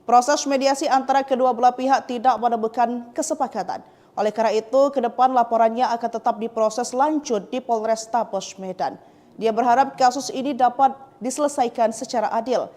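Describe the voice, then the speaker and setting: A woman reading a scripted news report in an even, formal manner. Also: fairly high pitch, a little fast. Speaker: news narrator.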